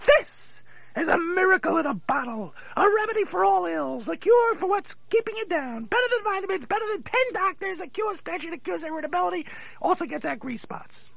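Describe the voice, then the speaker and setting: A man voicing a brash, scheming boy ventriloquist dummy in a comedy routine, pitching like a snake oil seller. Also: expressive, brisk, a bit bright, no echo, exaggerated voice. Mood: boastful pitching. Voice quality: high, creaky cartoonish dummy voice. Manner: snake oil seller's grand, punchy sales patter.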